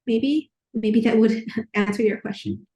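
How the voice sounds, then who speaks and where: Thoughtful architect from Thailand, mid-pitched woman. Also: unhurried, mellow. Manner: thoughtful, searching for words. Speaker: architect, firm co-founder. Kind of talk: interview answers.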